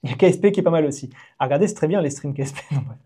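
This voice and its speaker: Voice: medium pitch, animated, dark tone, husky. A host interviewing a guest on a live stream and reading out chat messages. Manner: rapid, reads out chat messages.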